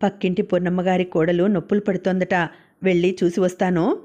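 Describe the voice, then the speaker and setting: A woman's voice: lowish voice, level tone, a little fast, dark tone, dull audio, natural voice. A woman voicing a coaxing older mother-in-law. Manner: coaxing, affectionate.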